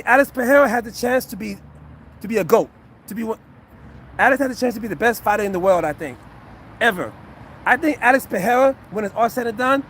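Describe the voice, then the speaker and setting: A man in his fifties, a retired fighter who now works as an acupuncture physician, talks casually to a live chat as he breaks down a fight, earnestly repeating himself. His voice sits high and a bit bright, with a slight hiss or hum in the audio.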